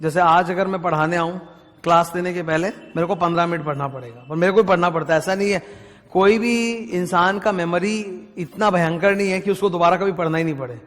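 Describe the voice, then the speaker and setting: High-voiced man teaching. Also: in a large hall. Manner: dictates definitions slowly, checks understanding. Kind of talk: lecture.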